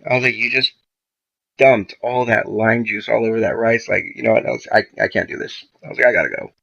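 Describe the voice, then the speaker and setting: A man's voice: lowish voice, fairly quick, creaky, sharp tone. A man, a podcast guest, casually telling a story full of profanity and quoted back-and-forth dialogue. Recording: dull lo-fi podcast audio.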